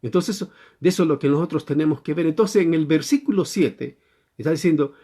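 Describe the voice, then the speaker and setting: Chilean pastor with a gravelly voice. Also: male voice, on the high side, a little fast, dark tone. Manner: teaching, asks the listeners frequent questions. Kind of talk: sermon. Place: church service during quarantine.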